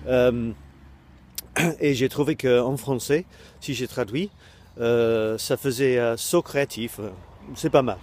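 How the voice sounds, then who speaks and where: Hesitant and full of ums and restarts, an English-accented man from Britain chats casually to camera as an online course creator. His mid-range voice moves slowly, with long pauses and a darkish tone.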